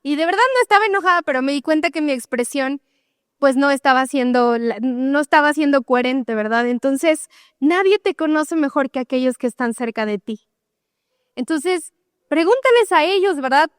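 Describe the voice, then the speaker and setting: A woman's voice: high-pitched, animated, moderate pace, no room sound, studio quality. A young adult woman pastor with a Mexican accent, preaching a conversational sermon and often checking in with "¿verdad?". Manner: conversational, tags questions with "¿verdad?", acts out everyday dialogues.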